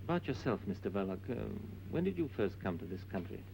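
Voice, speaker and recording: A slightly noisy old film recording of a plainclothes investigator. The man speaks fairly low, with courteous, businesslike understatement and a quietly probing manner. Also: sing-song, fast talker, vocal fry. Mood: politely probing.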